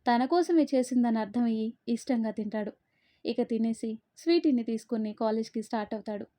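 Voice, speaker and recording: A woman narrating a romance story, voicing the lovers' banter herself in a lively way. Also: fairly high pitch, brisk, dry recording. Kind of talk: dramatic story reading. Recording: dull, muffled dry recording.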